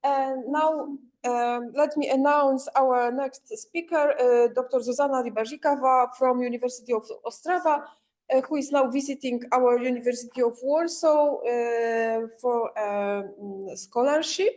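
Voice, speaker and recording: A woman's voice: sits high, steady tone, a little slow, darkish tone. A woman with a Polish accent moderating an academic conference session live.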